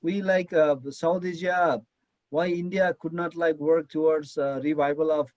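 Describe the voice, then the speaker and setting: A man's voice: on the high side, little pitch movement, a little slow, a little mellow, no echo, lo-fi sound. A man chairing an online academic panel, speaking hesitantly with many fillers and restarts over a video call. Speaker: session chair.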